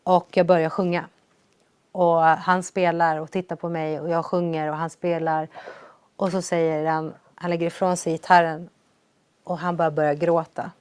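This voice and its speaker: A young woman with a low voice telling her own life story in an earnest, reflective way, raising her energy when she re-enacts quoted lines. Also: level tone, darkish tone, clear, resonant tone, no echo. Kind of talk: personal storytelling testimony.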